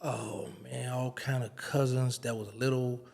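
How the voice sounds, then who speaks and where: A man's voice: medium pitch, unhurried, vocal fry. A man, an interview guest telling a casual story and acting out the dialogue. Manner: animated storyteller, acts out quoted dialogue.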